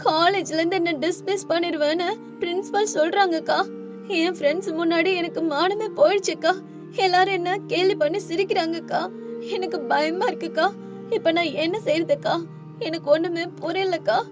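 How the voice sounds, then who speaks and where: A woman's voice: high-pitched, a little fast, pitched above the performer's own voice, close to an everyday voice. A woman voicing a spoiled, vain younger sister at a city college, whiny and defiant in a cartoon story. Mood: tearful. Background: music.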